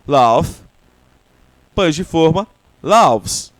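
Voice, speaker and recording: A Brazilian man with a Brazilian Portuguese accent, an English teacher giving a language lesson and explaining slowly with repeated example words. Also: fairly high pitch, expressive, no echo.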